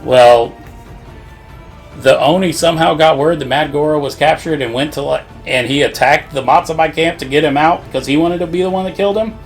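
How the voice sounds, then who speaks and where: A man's voice: fairly high pitch, fairly quick, soft background music. Brief: male podcast co-host, rambling and profane, laughs a lot. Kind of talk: casual game recap chat.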